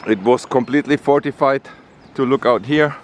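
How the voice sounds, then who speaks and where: A man narrating a casual travel vlog outdoors on a rainy coast, in a halting way with many fillers. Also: mid-range voice, steady tone, a little hiss or hum. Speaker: travel vlogger.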